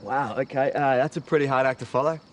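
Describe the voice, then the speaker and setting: A man's voice: medium pitch, fast, natural voice. An actor playing a laid-back, slightly awkward teenage boy in his late teens who hedges with ums, in film dialogue. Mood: easygoing. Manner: hesitant, with many ums, and easygoing. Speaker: high school student.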